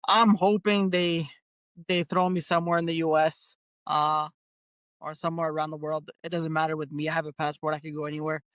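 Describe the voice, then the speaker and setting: A man's voice: on the high side, little pitch movement, a little fast, fairly bright tone, smooth, dry recording. A man being interviewed as a bare knuckle fighter, talking in an easygoing way and laughing often. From Canada. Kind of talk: casual interview.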